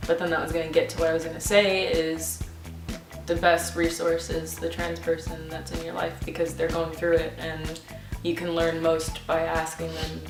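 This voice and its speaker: Halting young woman in a roomy space. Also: low-pitched, monotone, far from the mic. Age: 20s. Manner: thoughtful, halting, with frequent ums. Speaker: interview guest. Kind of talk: casual on-camera interview. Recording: roomy, off-mic, with music behind.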